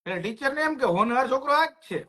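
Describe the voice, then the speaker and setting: Talking fast in a very high voice, a man co-hosting a podcast spins lively tales from his childhood in a casual chat, acting out what his classmates and other people said.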